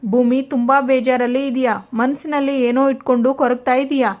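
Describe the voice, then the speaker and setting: A woman's voice: high-pitched, flat delivery, normal speed, a little mellow, lightly acted. A woman voicing a caring older-sister figure who coaxes and insists on the truth. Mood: coaxing. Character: caring older-sister friend, probing and protective.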